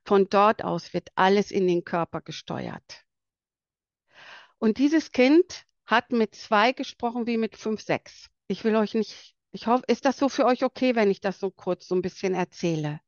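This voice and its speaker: A woman with a light, bright voice giving an earnest presentation about palliative care for children, pausing now and then to search for words. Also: medium pitch, lively intonation, no room sound, lo-fi sound. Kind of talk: presentation to an audience.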